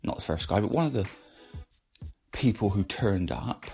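A man with a croaky morning voice, talking casually and conversationally as a solo podcast host. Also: on the low side, expressive, moderate pace, darkish tone, soft background music. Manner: conversational, rhetorical questions.

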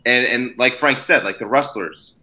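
A man's voice: mid-range voice, normal speed, bright, forceful tone. A man co-hosting a podcast in casual chat, talking like a laid-back frat bro with slang and swearing. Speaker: podcast co-host.

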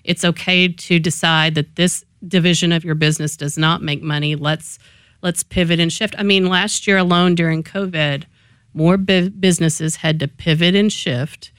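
Lower-voiced Texan woman, close dry sound. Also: steady tone, moderate pace, fairly bright tone, smooth, no echo. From Texas, United States. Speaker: business coach and guest. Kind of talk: conversational interview answers.

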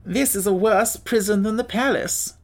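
A reader doing a sad insect gentleman. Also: medium pitch, a little slow, voice pushed up. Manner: sad, lofty tone. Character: pompous insect gentleman, easily frightened.

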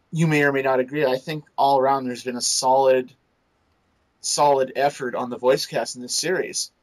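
Brief: male podcast co-host, mid-pitch, loose rambling delivery full of restarts. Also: poor audio. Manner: rambling, restarts often, laughs while describing. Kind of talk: casual chat reviewing a cartoon series.

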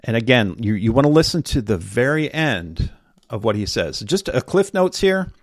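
A man's voice: medium pitch, very animated, normal speed, no echo, studio quality. A man hosting a political talk radio show, urging listeners to act locally in an urgent, rallying way.

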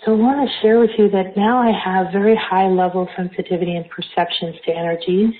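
Through a narrow, phone-like line comes a woman with a medium-pitched voice. She speaks as a spiritual coach hosting a group call, guiding her listeners as in a meditation session. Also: steady tone, a little fast. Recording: thin, phone-like call audio.

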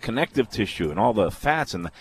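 A man with an American accent and a lowish voice talks on sports radio. His pitch swings widely as he rambles along with emphatic opinions. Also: sing-song, a little fast. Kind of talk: animated casual sports talk radio chat.

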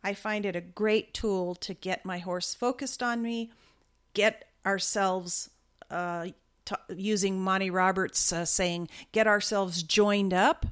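A woman's voice: medium pitch, smooth. A woman explaining riding basics in a chatty, step-by-step way, correcting herself now and then. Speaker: riding instructor. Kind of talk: casual instructional talk.

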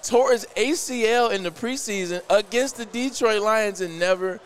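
A man hosting sports talk, announcing a top ten countdown with emphatic, drawn-out names and rankings. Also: high voice, a little hiss or hum. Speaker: sports talk show host.

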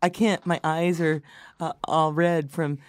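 A woman's voice: sits low, flat delivery, measured pace. A middle-aged woman co-hosting a casual chat, giggly and drawn out, often trailing into laughter. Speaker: podcast co-host.

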